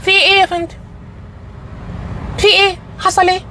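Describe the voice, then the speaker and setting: Prank driver with a pitched-up Egyptian voice, very high and rapid, acting innocent in a car. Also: male voice, a little hiss or hum, heavily acted. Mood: feigned innocence. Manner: calm, playing innocent. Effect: voice changer pitching the voice up. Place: inside a car. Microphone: hidden mic.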